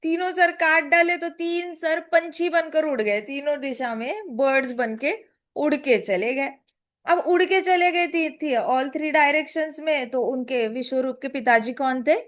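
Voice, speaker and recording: A woman's voice: high-pitched, a little slow, a bit bright. A woman telling a scripture story in a casual, playful way, slipping in English phrases.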